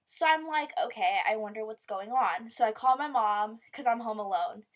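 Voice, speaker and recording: A woman's voice: fairly high pitch, normal speed. A young woman telling a personal story to camera in casual vlog style, with lots of "like" and swearing. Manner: casual, swearing, quoting others in her own voice; filler-heavy, lots of "like". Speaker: vlogger.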